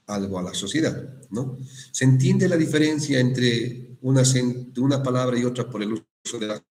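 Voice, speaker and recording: A male teacher giving an online class on spelling and accents, explaining slowly with frequent checking questions and restarts. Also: lowish voice, a little mellow. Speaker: university language teacher.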